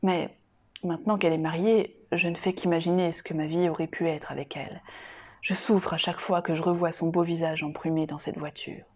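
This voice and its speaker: A woman voicing a troubled, lovesick young man in a clinic, speaking softly and trailing off quietly in an audiobook reading. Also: on the low side, steady tone, fairly quick, natural voice. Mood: wistful.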